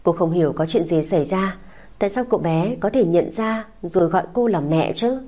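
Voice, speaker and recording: A woman narrating a story in an even, measured audiobook reading. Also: on the low side.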